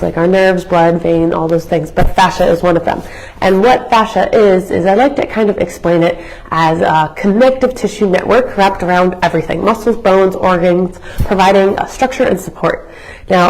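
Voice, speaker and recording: Still hoarse from being sick, this young fitness instructor has a raspy, medium-pitched voice with a darkish tone. Running a live workout class, she explains things chattily and educationally, frequently restarting her sentences and leaning on fillers. The recording is low quality.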